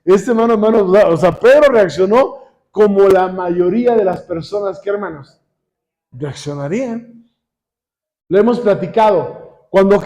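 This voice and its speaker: A man with a Mexican accent preaching a sermon, constantly asking the congregation questions and pausing for them to finish his sentences. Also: high voice, dark tone. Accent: Mexican Spanish. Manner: calls on the congregation with repeated questions.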